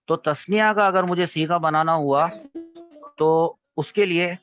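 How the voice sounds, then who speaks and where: A man's voice: on the high side, fairly even intonation, music in the background. A man teaching an online grammar class over a video call, patiently quizzing students step by step. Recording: dull, dry online call audio.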